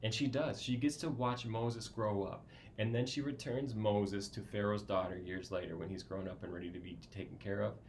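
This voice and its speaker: A man's voice: lowish voice, steady tone, moderate pace, few pauses, a little hiss or hum. A man teaching a children's Bible lesson, explaining casually with frequent "right?" check-ins.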